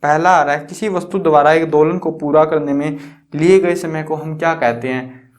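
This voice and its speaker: A man's voice: on the high side, fairly even intonation, moderate pace. A young man teaching school science in a chatty, teasing way, asking questions and answering them himself. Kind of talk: casual classroom explanation.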